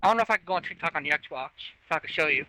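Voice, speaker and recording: A man's voice: fairly high pitch, expressive, racing, pushed and bright, dry recording, poor audio. A man chatting casually while working a console, muttering to himself as he goes. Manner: muttering to himself as he works through menus. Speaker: co-host of a show review. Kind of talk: casual chat while using a game console.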